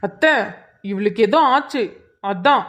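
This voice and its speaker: A woman voicing a hot-tempered young husband in a cartoon drama, scolding and sharp. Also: mid-range voice, lively intonation, measured pace. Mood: worried. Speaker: cartoon character voice.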